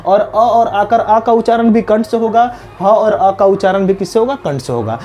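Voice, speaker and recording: A man teaching an exam-prep lesson, asking questions and answering them himself, dropping lower and softer on each repeated answer. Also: level tone, normal speed, soft background music. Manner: drops low and soft on the repeated answer.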